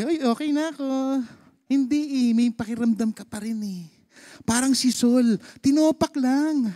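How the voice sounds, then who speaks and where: Man, Filipino accent, very high voice, animated sermon storytelling. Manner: animated storytelling, switching between Tagalog and English. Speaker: pastor.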